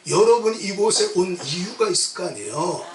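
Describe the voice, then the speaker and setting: A man's voice: high voice, animated, normal speed, crowd noise. A male pastor delivering an emphatic sermon, repeating his points and urging the congregation on, with listeners answering him. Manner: emphatic, repetitive exhortation with call-and-response. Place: church sanctuary at a retreat. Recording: echoey hall, mic at a distance. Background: congregation answering amen.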